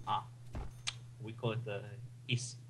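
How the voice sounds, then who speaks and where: Playing a game, this young man from Sweden talks casually with a Swedish accent, drifting from thought to thought in a laid-back way and restarting as he goes. His voice is lowish and his pace slow. Slight background noise can be heard.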